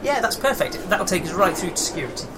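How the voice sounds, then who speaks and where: A woman's voice: fairly low pitch, very animated, fast. A woman hosting a podcast in a casual, chatty style. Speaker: podcast host. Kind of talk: casual chat with light skit. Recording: clear background noise.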